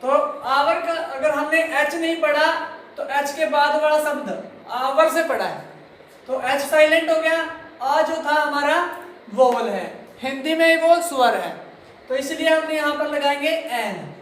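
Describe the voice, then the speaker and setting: High-voiced male teacher in an echoey room. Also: a bit bright, slight background noise. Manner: repeats words slowly, addresses students directly. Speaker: English grammar teacher. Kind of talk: classroom lesson explaining to students.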